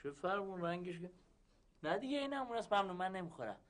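An actor playing a polite, talkative carpet seller on a family visit. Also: male voice, high voice, big pitch swings, fairly bright tone. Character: chatty middle-aged male carpet seller on a family visit.

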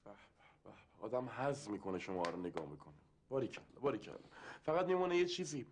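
A cheery encouraging ringleader. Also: male voice, fairly low pitch, sing-song, a little hiss or hum. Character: cheery encouraging man leading friends. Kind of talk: TV drama acting.

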